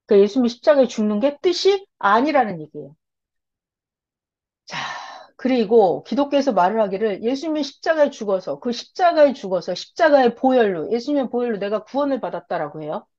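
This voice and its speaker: Woman Bible lecturer, sermon style, higher voice, asks and answers her own questions, dull lo-fi recording. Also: very animated, fairly quick, a little mellow. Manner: asks rhetorical questions and answers them herself; emphatic repetition.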